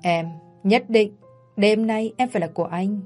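A woman's voice: mid-range voice, normal speed, a little mellow, soft background music, lightly acted. A woman voicing a pushy, menacing young man in a spoken story, with a coaxing, threatening manner. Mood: angry.

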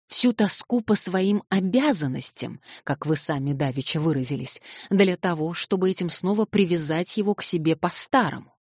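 A woman's voice: fairly low pitch, a little mellow, no room sound, studio quality, close to an everyday voice. A woman reading an audiobook, voicing a cold and condescending older nobleman. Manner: smooth, condescending.

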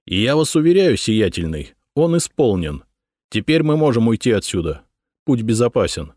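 A man voicing a calm, secretive male spy chief who speaks quietly. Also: medium pitch, moderate pace, dry recording, clean studio sound, pitched above the performer's own voice.

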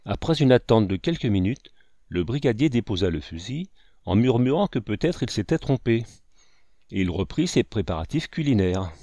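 A man reading a classic novel aloud as the narrator, at a steady, measured pace. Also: medium pitch, no echo. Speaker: audiobook narrator. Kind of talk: scripted narration.

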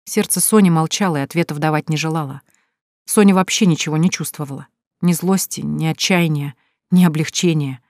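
A woman calmly narrating an audiobook. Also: low-pitched, fairly quick, no room sound, studio quality. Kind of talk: scripted narration.

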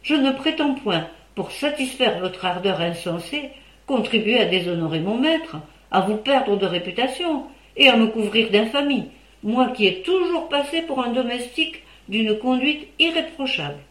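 A woman's voice: a little high, lively intonation, normal speed. A woman reading as a stern old squire. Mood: indignant. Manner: indignant, then softened. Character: stern old male squire, upright servant. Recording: roomy echo.

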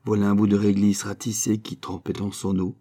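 A man reading a story aloud, voicing a kindly farmer who talks fondly and heartily to a pet bird in a raised, lively voice. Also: lowish voice, fairly quick, lightly acted. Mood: warm, jovial. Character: kindly good-humored male farmer, tender with a pet bird. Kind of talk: storybook character voice.

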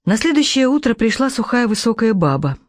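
A man narrating a storybook in an expressive, animated reading. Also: very high voice, a little fast, no echo, studio quality. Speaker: audiobook reader.

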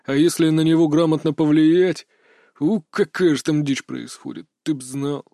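A man's voice: fairly high pitch, fairly even intonation, moderate pace, gravelly, warm tone, no room sound, studio quality. A man voicing a burly bearded older hunter who taunts and lectures in a sly, mocking way, read as an audiobook character. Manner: taunting, philosophizing.

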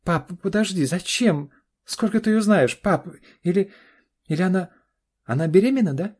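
A man's voice: fairly high pitch, lively intonation, normal speed, mellow, breathy edge, voice pushed up. A man voicing a pushy, anxious young adult daughter in an audiobook, pleading and insistent. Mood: incredulous. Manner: pleading, insistent, keeps saying "dad". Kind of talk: audiobook character voice.

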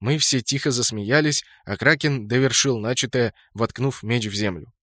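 A man's voice: medium pitch, moderate pace, sharp tone, no room sound, clean studio sound. A man reading scripted fantasy game fiction as an audiobook narrator.

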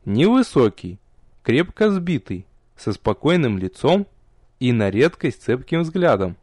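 Lively male audiobook narrator. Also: medium pitch, a little slow, no room sound, clean studio sound. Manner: lively expressive reading. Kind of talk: first-person fantasy audiobook narration.

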